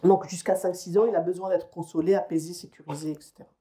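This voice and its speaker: Warm-voiced woman lecturing on child development. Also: fairly low pitch, steady tone, fast. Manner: explanatory, conversational, often checking in with the audience. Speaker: psychologist giving a lecture. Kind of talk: conference lecture to parents. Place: lecture hall or conference room.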